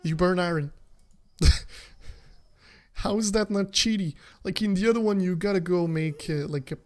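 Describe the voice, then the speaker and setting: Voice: medium pitch, moderate pace, darkish tone. A game streamer giving casual, chatty commentary to viewers while playing, laughing often.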